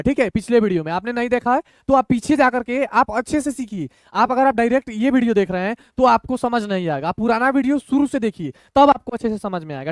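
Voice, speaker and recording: Male online teacher, very high and clear voice, dry close sound, patient syllable-by-syllable drilling. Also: no echo. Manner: slow, patient, breaks words into syllables, repeats "thik hai". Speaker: Hindi reading teacher. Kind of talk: online lesson, syllable-by-syllable reading.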